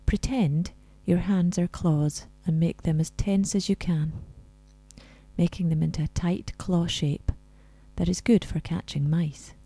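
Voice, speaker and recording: A woman leading a scripted guided relaxation in a soft, soothing, breathy spa-like voice that comes close to a whisper. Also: on the low side, fairly even intonation, unhurried, no echo, faint music behind.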